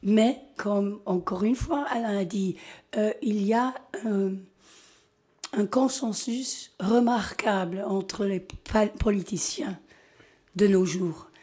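A woman from Scotland, a native English speaker invited as a guest, delivers an informal presentation in Scottish-accented French. Her medium-pitched voice is mellow, and she proceeds haltingly, regularly stopping to find words in the second language.

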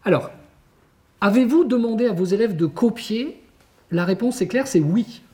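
A man giving a conference lecture to teachers as an education researcher, talking in an animated, emphatic way and posing rhetorical questions to the room. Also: high voice, moderate pace.

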